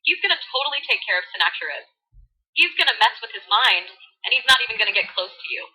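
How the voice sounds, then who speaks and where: A woman's voice: on the high side, animated, fast talker, pushed and bright, slightly rough, low-quality recording. A woman with a Californian Valley Girl accent retells a story in gushing, sassy slang full of fillers. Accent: American, Californian Valley Girl.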